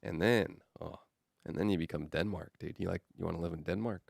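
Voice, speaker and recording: Gravelly low dude, deadpan jokes on a podcast, dry sound. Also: male voice, brisk, dry recording. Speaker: podcast co-host. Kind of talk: casual comedic chat.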